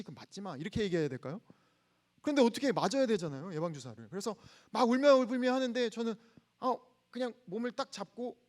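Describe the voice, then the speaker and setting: A man in his thirties preaching a sermon to a campus congregation. He leads the reading of scripture aloud and tells a personal story in a soft, hushed voice. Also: high-pitched.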